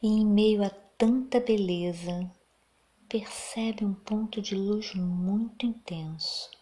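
A woman with a Brazilian accent leads a guided meditation in a soft, breathy, near-whispering, soothing voice. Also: medium pitch, takes it slowly.

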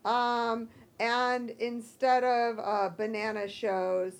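A woman with an American accent and a hoarse, croaky voice from allergies, chatting casually and candidly as a self-deprecating podcast co-host. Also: fairly high pitch, little pitch movement, slow pace. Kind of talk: casual chat.

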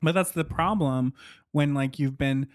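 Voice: medium pitch, a little slow, no room sound, studio quality. A podcast co-host in casual chat, throwing in sassy quips and laughing often.

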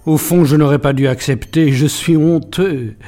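A man playing a calm, ironic police inspector in a storybook reading. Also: a little high, normal speed, soft background music, close to an everyday voice. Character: calm, unflappable middle-aged male police inspector.

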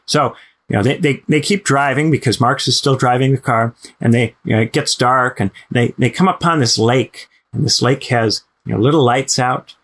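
A man's voice: mid-range voice, moderate pace, a bit bright. Rambling man telling a story. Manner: rambling, many "you know" fillers and restarts. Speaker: podcast host, former lecturer. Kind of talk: casual storytelling monologue.

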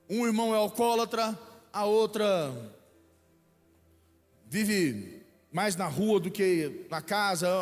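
A man preaching a sermon as a bishop, telling stories and acting out the people in them. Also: high-pitched. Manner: animated, acts out dialogue in quoted voices. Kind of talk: sermon with storytelling. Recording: long hall reverb, faint music behind.

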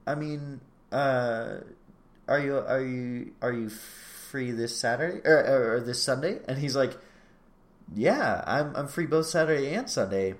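A man's voice: medium pitch, a little slow. Man animatedly retelling a scene. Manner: animated retelling, acting out both sides of a conversation. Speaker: podcast co-host. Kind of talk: casual chat recapping a reality show.

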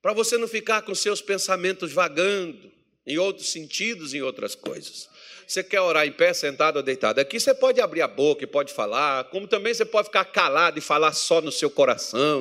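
Energetic high-voiced male pastor. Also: a little fast. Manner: jokes and acts out quoted voices, chuckling. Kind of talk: lively storytelling sermon. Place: church.

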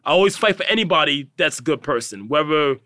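A man's voice: a little high, lively intonation, fast, bright, forceful tone, dry recording, studio quality. A young man in his twenties, a podcast guest in casual chat, earnest and upbeat with many fillers.

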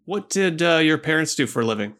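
A man hosting a podcast, reading sponsor spots and then chatting with his guest in a relaxed way. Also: on the high side. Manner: brisk ad reading, relaxed chat with fillers. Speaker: podcast host. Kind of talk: read ads, then casual interview.

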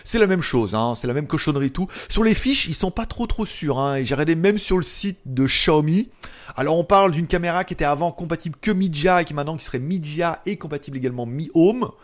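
A man's voice: fairly high pitch, animated, quick pace. Chatty sarcastic French tech vlogger man. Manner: chatty, sarcastic asides, frequent fillers. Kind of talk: casual tech news chat. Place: lives in Thailand.

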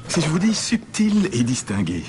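An actor playing a smooth, seductive man in a wine advertisement, lingering suggestively over each word. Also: a little high, huge pitch swings, background noise. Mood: suave. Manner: suggestive, drawn-out adjectives. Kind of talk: radio ad acting. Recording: ad played back with music bed.

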